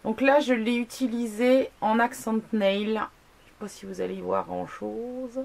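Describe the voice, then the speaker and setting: A woman's voice: on the high side, fairly even intonation, a little slow, gravelly, a little mellow. A woman vlogging a casual product review, chatty, with many fillers, asides and self-mocking jokes. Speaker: beauty blogger.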